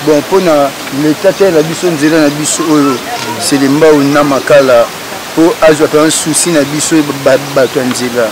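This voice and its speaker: A man with a Congolese accent speaking spontaneously in a street interview, halting and repeating syllables. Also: fairly high pitch, steady tone, crowd noise, low-quality recording. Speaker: local footbridge builder being interviewed.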